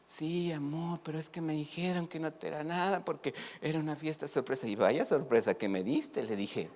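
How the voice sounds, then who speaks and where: A man's voice: a little high, normal speed, a little hiss or hum. A middle-aged man with a northern Mexican accent, preaching a sermon and telling personal stories, acting out the dialogue. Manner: animated, acts out dialogue in his stories. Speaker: pastor. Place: church hall. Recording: long reverb of a church hall.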